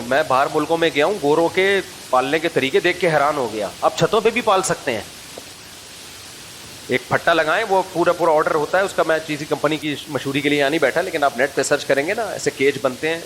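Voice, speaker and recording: A middle-aged male preacher from Pakistan speaks with a fairly high voice, telling humorous stories in a loose, chatty way. He keeps pulling his audience in with direct questions, and a faint hiss sits under the recording. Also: a bit bright, poor audio. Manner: humorous, anecdotal, throws questions at listeners. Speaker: Islamic preacher. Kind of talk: informal religious talk to an audience.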